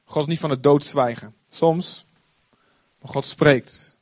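Guy preaching a sermon, gets loud when he acts stuff out, dry close sound. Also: on the high side, slow pace, dry recording. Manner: animated preaching, acts out quotes loudly. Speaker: pastor.

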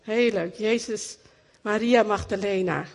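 A middle-aged woman preaching a sermon in an animated way, repeating phrases for emphasis. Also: mid-range voice, a little slow, gravelly. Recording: echoey hall, long reverb.

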